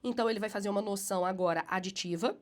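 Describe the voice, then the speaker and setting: With a cold giving her medium-pitched voice a slightly nasal quality, a teacher works through a student's essay. She slows to read sections aloud, stressing them with rising emphasis, and then explains her corrections briskly.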